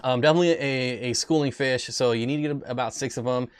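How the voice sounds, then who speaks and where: A man chats casually as host of a fish-keeping channel, wandering between topics and cracking self-deprecating jokes. His voice sits in an ordinary middle pitch. The sound is dry and close, with no room around it. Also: steady tone, fast talker, clear, resonant tone, dry recording. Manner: rambling, self-deprecating, jokey asides. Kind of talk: casual livestream chat.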